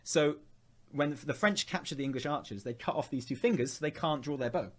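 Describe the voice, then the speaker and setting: A woman's voice: low voice, fairly quick, crowd noise. A woman streamer in casual chat, rambling and blunt as she tells stories.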